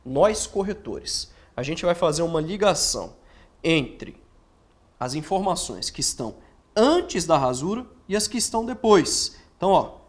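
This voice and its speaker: Brazilian guy lecturing on essay writing, kinda high voice, keeps asking "right?" to the class. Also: very animated. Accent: Brazilian Portuguese. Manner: explains with quick rhetorical questions and tag questions; acts out student questions in his own voice. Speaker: writing teacher. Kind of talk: online course lecture.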